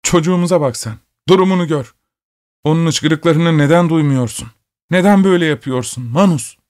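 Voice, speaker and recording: A man's voice: medium pitch, fairly quick, pitched above the performer's own voice, natural voice. A man voicing a distraught, fiery mother in a storybook reading, speaking with pleading emphasis.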